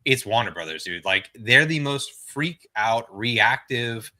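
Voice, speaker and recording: A man appearing as a podcast guest, arguing fast in casual chat with lots of fillers. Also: mid-range voice, lively intonation, bright, forceful tone.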